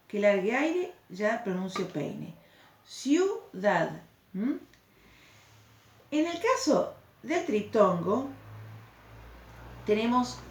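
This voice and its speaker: Lively woman teacher explaining. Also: a little high. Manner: patient, explanatory, checks in with rhetorical questions. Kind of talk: recorded class lesson. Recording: echoey room, faint background noise.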